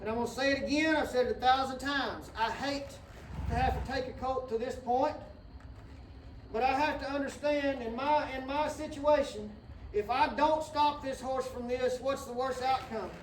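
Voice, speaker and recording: A man's voice: extremely high pitch, fairly even intonation, moderate pace, a little hiss or hum. A man, a horse trainer explaining his work while riding in an outdoor round pen, in a drawling, folksy way. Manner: drawling, folksy, preachy asides, soothing whoas to the horse. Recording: distant echoey outdoor recording.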